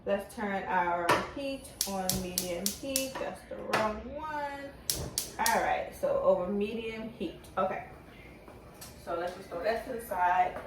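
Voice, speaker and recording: Speaking slowly at a medium pitch through braces, a home cooking vlogger gives a casual demonstration in her kitchen, thinking out loud informally. The mic sits at a distance, so the sound is roomy with faint noise.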